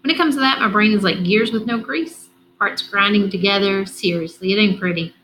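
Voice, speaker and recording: A teasing, easygoing teenage big brother who fixes cars, as a woman reads his part. His voice sits in a middle pitch and is lightly acted in a storybook reading. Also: fairly quick, fairly bright tone, a little hiss or hum, natural voice, low-quality recording. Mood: joking. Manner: joking, teasing.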